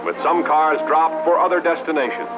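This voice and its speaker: A man's voice: on the high side, moderate pace. An American man reading a scripted promotional film in formal, emphatic 1950s narrator style, in clipped phrases. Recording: muffled vintage film soundtrack, loud music. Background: loud background music.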